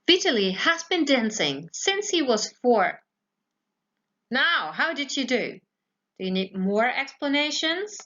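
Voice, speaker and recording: A woman's voice: sits high, sing-song, takes it slowly, sharp tone, muffled recording. A woman, an English teacher explaining grammar patiently step by step, often checking in with her pupils. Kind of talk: recorded grammar lesson for pupils.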